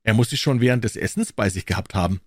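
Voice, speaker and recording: A man's voice: fairly low pitch, fast, dry recording, studio quality, lightly acted. A man voicing an eager, curious companion of a detective, asking questions in a raised voice.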